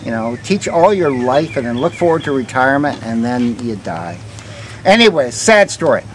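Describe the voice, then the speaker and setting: An older man tells stories conversationally as a tour guide to a walking group, pausing hesitantly and letting line ends trail off. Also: mid-range voice, sing-song, low-quality recording. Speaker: ghost walk guide, former vice principal. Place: outdoors on a town street. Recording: outdoor street recording with faint traffic noise.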